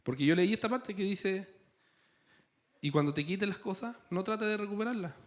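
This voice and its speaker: A man's voice: high-pitched, moderate pace. A man with a Chilean accent preaching a sermon in a church, conversational and playful, tossing in rhetorical questions. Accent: Chilean Spanish. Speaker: pastor.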